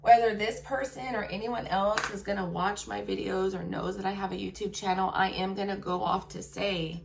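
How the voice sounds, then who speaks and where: A gravelly-voiced woman vlogger tells viewers a candid personal story, speaking emphatically and frankly while repeatedly checking in with them. Her medium-pitched voice is growing raspy after a long workday, and she keeps a fairly even intonation at a moderate pace over a noisy background.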